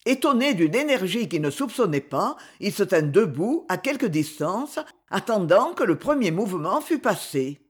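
A woman narrating a novel aloud in a lively, expressive reading style. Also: mid-range voice, normal speed, breathy edge.

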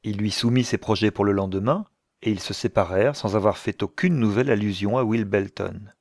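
A man reads a classic novel aloud in a calm, measured way. His voice sits low, and the recording is dry and close. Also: no echo. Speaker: audiobook narrator. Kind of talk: scripted narration.

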